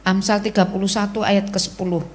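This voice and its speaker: A woman's voice: medium pitch, flat delivery, a little fast, slight background noise. Middle-aged woman preaching. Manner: conversational storytelling, Javanese-tinged Indonesian. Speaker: evangelist preaching to a women's service. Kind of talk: sermon.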